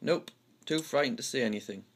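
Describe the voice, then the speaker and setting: This medium-pitched male voice moves fairly quickly over slight background noise. He is an amateur reading through dramatic dialogue in a Houghton-le-Spring pitmatic accent from North East England.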